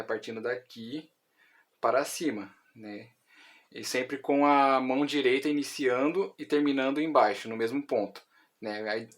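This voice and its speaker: A man with a Brazilian Portuguese accent, explaining music theory in an online lesson, with many fillers and restarts. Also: mid-range voice.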